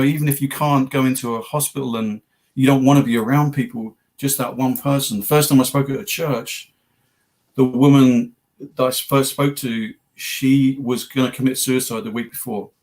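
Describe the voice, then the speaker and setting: A man with a West Virginia Appalachian accent, giving casual personal testimony in an earnest, halting way, repeating words and phrases as he goes. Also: medium pitch, fairly even intonation, a little mellow. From West Virginia, United States. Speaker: guest, patient advocate telling own story.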